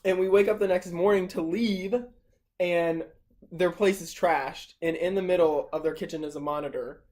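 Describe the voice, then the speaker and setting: Low-voiced woman chatting while eating. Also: fairly even intonation, normal speed, a little mellow. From St. Louis, Missouri, US. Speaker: co-host. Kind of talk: casual mukbang chat.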